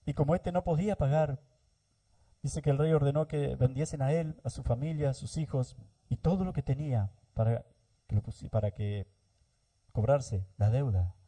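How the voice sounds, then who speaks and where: Speaking at a normal pace in a mellow, medium-pitched voice, an Argentine pastor delivers a church sermon. He keeps turning to the congregation and frequently says amen.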